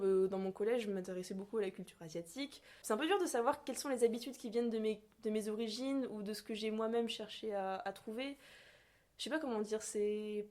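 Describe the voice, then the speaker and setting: A woman's voice: mid-range voice, a little mellow. A young woman from France talking casually, hesitant and full of fillers as she searches for her words. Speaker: podcast guest. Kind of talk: casual conversation.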